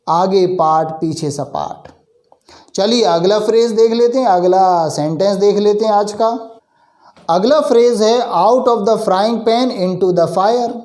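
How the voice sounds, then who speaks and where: Slow, high-voiced man teaching English phrases. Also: darkish tone, reverberant. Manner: explains patiently, asks the class questions and answers them himself; reads English phrases out slowly and deliberately. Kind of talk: Hindi-medium English lesson.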